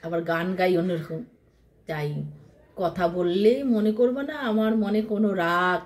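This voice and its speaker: A woman's voice: on the low side, normal speed. A woman vlogger chatting casually to her followers from home, rambling and repeating herself, often mimicking how other people talk.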